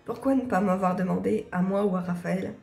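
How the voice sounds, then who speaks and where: A woman's voice: medium pitch, steady tone, a little fast, gravelly, darkish tone, reverberant, faint music behind, voice pushed down, natural voice. A woman with a sore throat reading the hesitant, apologetic lines of a shy young heroine from a game. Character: shy young heroine living among vampires. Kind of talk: reading game dialogue aloud.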